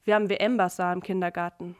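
A woman's voice: on the low side, flat delivery, a little fast, lightly acted. A woman reading a brash, tipsy young woman. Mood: tipsy, chatty.

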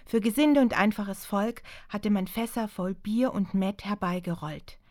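A woman, the author, reading her historical novel aloud in a calm, measured way. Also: medium pitch, no room sound, clean studio sound. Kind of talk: audiobook narration.

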